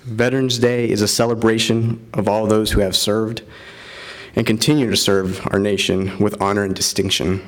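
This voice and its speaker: An earnest man in his thirties gives a formal keynote speech at a ceremony. His voice sits low, and he pauses often on "uh" as he goes. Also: flat delivery. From Florida. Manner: earnest, with frequent "uh" fillers. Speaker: keynote speaker, army officer.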